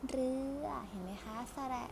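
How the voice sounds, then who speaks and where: A woman teacher giving a patient lesson to young children, sounding out each vowel slowly and repeating it. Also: noisy background.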